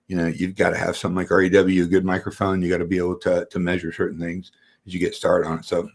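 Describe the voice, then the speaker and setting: Deep-voiced guy rambling casually on a livestream, lots of "you know" and "man". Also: completely flat delivery, fast, creaky. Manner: loose, filler-heavy explaining with "you know" and "man". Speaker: acoustics company guest.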